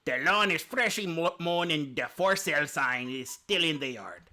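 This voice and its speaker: A man's voice: a little high, animated, moderate pace, pushed and bright. A man reading a dating sim aloud on a stream as the dad, with playful joking asides.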